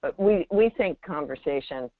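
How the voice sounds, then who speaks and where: On a remote audio call, a woman with a deep, expressive voice offers spiritual guidance to callers as a meditation teacher. She talks at a normal speed, speaks emphatically, and keeps checking in with rhetorical questions. The call audio is dull and lo-fi, with no room sound.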